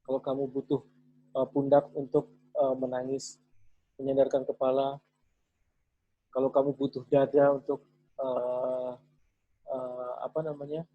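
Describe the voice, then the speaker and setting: A man coaching parents in a motivational talk, swinging from soft hushed examples to loud emphatic questions. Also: fairly high pitch, breathy edge, no room sound, dull audio.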